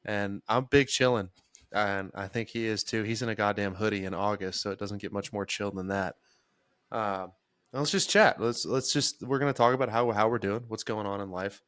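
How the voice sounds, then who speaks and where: A man's voice: on the low side, steady tone, normal speed, a bit bright, no room sound, studio quality. A man in his mid twenties co-hosting a podcast, laid-back and sarcastic, swearing casually. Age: 20s. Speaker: podcast co-host. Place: home office.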